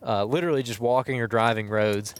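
A man hosts a casual podcast from inside a truck. His voice sits at a medium pitch, and he talks in a conversational, unscripted way. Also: fairly quick. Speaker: podcast host. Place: inside a truck being driven.

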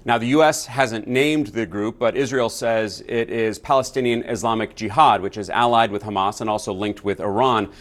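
A man filing a news report as a correspondent, explaining in a measured way. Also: fairly low pitch.

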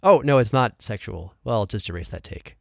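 Gravelly, deadpan man. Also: on the low side, moderate pace, no room sound, clean studio sound. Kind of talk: casual chat with recorded takes.

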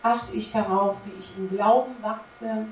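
At a church service, a woman preaches emphatically to her congregation, full of rhetorical questions. Her medium-pitched, steady voice is a little slow, with a touch of hiss or hum, recorded from a distance in an echoey room with faint ambience.

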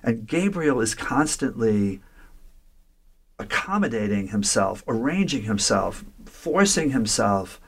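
A literature scholar with a medium-pitched, slightly rough voice, wide pitch swings and vocal fry takes his time discussing a story. His manner is reflective and lecture-like, with many restarted phrases and checks of "right?".

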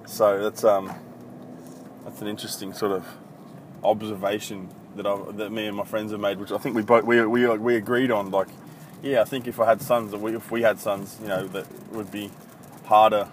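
With a low voice and flat delivery at a moderate pace, an Australian man in his thirties from country Victoria rambles through a casual solo podcast. He's blunt and profane with frequent ums, and his iPhone recording is full of traffic and street noise.

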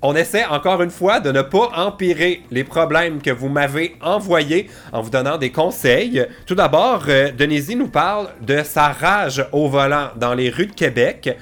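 A man's voice: a little high, expressive, unhurried, few pauses, fairly bright tone. A man from Quebec with a Québécois accent, hosting a casual comedic chat show and laughing often. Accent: Québécois French. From Quebec, Canada. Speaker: host.

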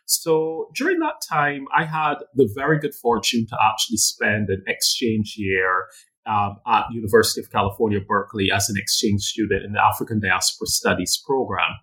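A man from Barbados, a guest author answering interview questions in a measured, thoughtful way with some fillers. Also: on the low side, pushed and bright, slightly rough, low-quality recording. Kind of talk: academic interview.

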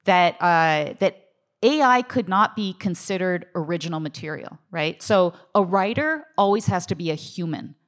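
Emphatic woman with a lowish voice. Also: expressive, normal speed. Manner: emphatic, colloquial, checks in with "right?". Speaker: writers' union representative. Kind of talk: unscripted explanatory talk on contracts.

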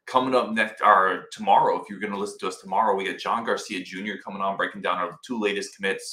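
A sports podcast host with a lowish, forceful voice broadcasts a casual show to live viewers from inside a wooden cabin. He is informal and enthusiastic, and the roomy cabin leaves clear echo around his words.

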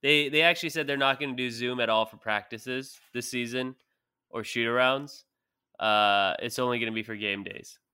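A man's voice: medium pitch, normal speed, bright, forceful tone, clean tone. A man who is a sports reporter, talking as a guest on a casual sports podcast, playful and teasing and laughing often.

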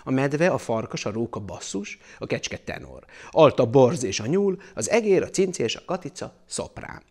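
A middle-aged man reading a children's story in a playful, expressive way, lingering on words. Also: mid-range voice, creaky.

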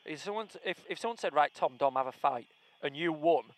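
Higher-voiced man bantering. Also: animated, fairly quick, poor audio. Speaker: co-host of a football fan podcast. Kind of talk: casual banter and live match reaction.

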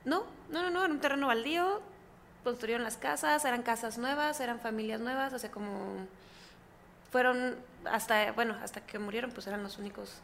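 A woman's voice: fairly high pitch, a little fast, creaky, a little hiss or hum. A young woman with a Mexican accent, chatting casually as a guest and acting out the voices in her stories. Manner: chatty, animated retelling with quoted voices. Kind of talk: casual storytelling. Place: coworking space.

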